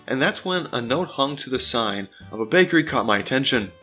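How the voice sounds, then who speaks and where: A man's voice: mid-range voice, lively intonation, a little fast, bright, forceful tone, faint music behind. A man hosting a let's play, reading visual novel narration aloud with casual, chatty asides in between.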